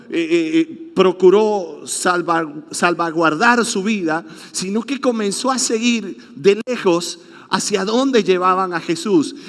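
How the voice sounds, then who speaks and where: A man with a Venezuelan accent preaches a sermon in a church, telling the story with plenty of drama. His voice sits high and he takes his time. The hall around him rings with a long reverb. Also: fairly bright tone. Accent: Venezuelan Spanish. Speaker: pastor.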